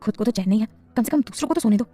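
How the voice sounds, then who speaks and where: Brief: woman doing a short-tempered young husband in an audio story, clipped and brisk, lightly pitched. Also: animated, warm tone, faint music behind, close to an everyday voice. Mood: irritated. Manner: curt, grumbling. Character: stern, irritable young husband.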